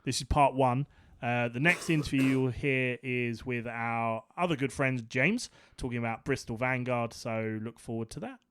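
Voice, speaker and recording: A man's voice: medium pitch, moderate pace, few pauses, a bit bright, clean tone, dry recording. A man co-hosting a podcast, interviewing a guest in an encouraging, affirming way. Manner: encouraging, affirming, lots of "yeah". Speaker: podcast co-host.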